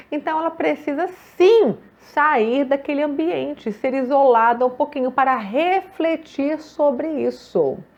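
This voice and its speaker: A woman's voice: fairly high pitch, muffled recording. A woman therapist with a Brazilian Portuguese accent, talking informally to parents, emphatic, asking rhetorical questions and acting out quotes.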